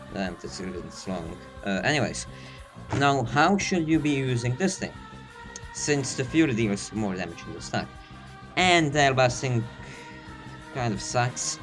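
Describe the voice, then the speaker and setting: A man's voice: medium pitch, low-quality recording. Casual male guide narrator, recorded under a blanket, slightly winded, rambling and self-deprecating, faint music underneath. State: slightly out of breath. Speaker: video game guide maker.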